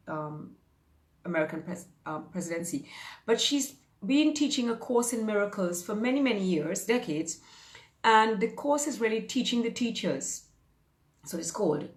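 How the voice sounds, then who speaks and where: A woman in her fifties talks to viewers as a coach in a casual live stream. She is upbeat and chatty, and she wanders through her points with lots of ums. Her voice sits at a middle pitch and bounces around a roomy, echoing space. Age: 50s. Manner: chatty and upbeat, rambling with many fillers. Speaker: fitness and mindset coach. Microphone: phone or webcam on a live stream.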